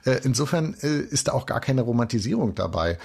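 Husky man, lively film critic. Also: medium pitch, a little fast. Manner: lively storytelling, quoting scenes. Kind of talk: radio film review chat.

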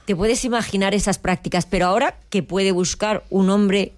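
A woman's voice: medium pitch, steady tone, moderate pace. A woman speaking as a panelist on a radio discussion, thoughtful and questioning.

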